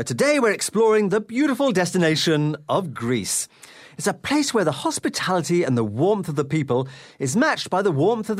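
A man hosting a radio travel show in an upbeat, enthusiastic way, chatting with his guest. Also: high-pitched.

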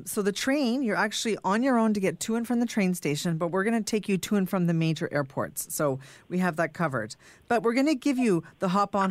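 A woman speaking as a travel company expert, pitching packages conversationally and enthusiastically, listing item by item. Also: dry recording. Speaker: tour company guest expert. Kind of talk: conversational product pitch on radio.

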